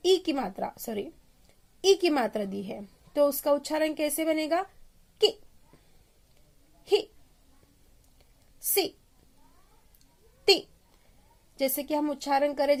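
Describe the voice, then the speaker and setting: A woman teaching young children, sounding out each syllable slowly and talking to them directly. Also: sits high, darkish tone. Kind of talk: children's Hindi lesson.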